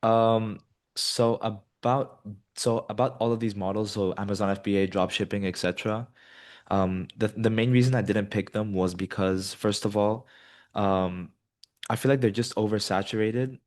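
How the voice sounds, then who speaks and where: A Colombian business student in his twenties answers interview questions as a guest, relaxed and rambling, with plenty of ums and you-knows. His voice is lowish and his speed is normal.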